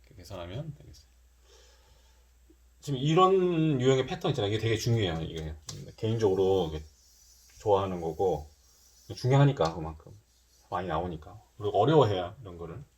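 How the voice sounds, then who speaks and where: A man's voice: fairly low pitch, expressive, fairly quick, long pauses, darkish tone. A middle-aged man teaching a middle school math lesson in a casual style, thinking aloud and mixing polite and casual speech. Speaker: math tutor.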